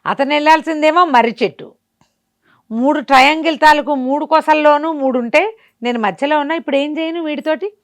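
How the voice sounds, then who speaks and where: A woman with a high voice, speaking a little fast, tells a folk tale in a conversational way. She often poses questions to herself and then answers them as the story goes on.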